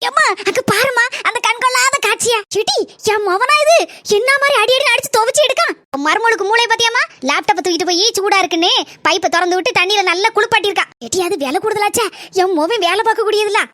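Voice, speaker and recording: A woman with a Kanyakumari Tamil accent voicing a scheming village mother-in-law and her gossiping friend in a cartoon, talking fast and scolding. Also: very high voice, bright, forceful tone, no echo. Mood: scandalized.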